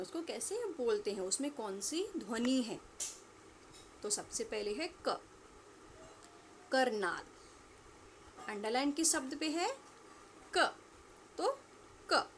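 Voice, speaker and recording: Slow, patient woman teaching children. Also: a little high, a bit bright, slight background noise. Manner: slow, drawn-out repetition for pupils to echo; asks questions and answers them herself. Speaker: school teacher. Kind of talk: online Hindi lesson for young children.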